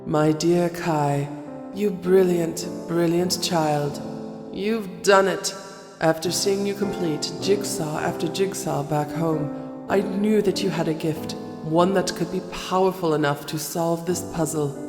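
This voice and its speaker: A woman playing a regal, ancient Snow Queen in an audio play, speaking in an imperious, measured manner. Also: lowish voice, steady tone. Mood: gracious. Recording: echoey reverb, music underneath.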